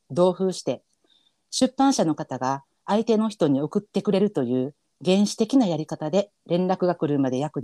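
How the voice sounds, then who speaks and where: This podcast co-host, high-pitched with a dark tone and a Kansai Japanese accent, reads a listener's letter earnestly before breaking into laughter and apologies. The recording is dry and studio quality.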